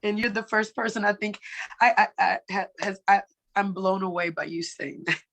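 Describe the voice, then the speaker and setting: A woman musician speaking as a guest in a candid online conversation, emotional and halting, often repeating her words. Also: medium pitch, steady tone, vocal fry, a bit bright. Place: online webinar call.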